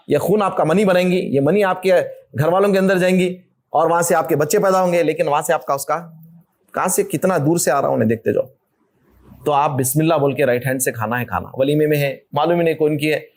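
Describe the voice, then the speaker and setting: This man leads a marriage workshop in the style of a casual religious talk, his accent South Indian Hindustani and his pitch fairly high. He's chatty and lively, poking fun at the audience and slipping into brief character voices.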